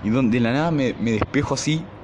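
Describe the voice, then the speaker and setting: A young man with an Argentine accent, hosting his podcast and telling a school story in a casual, slangy, animated way. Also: medium pitch, a little fast, noisy background. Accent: Argentine Spanish. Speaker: podcast host.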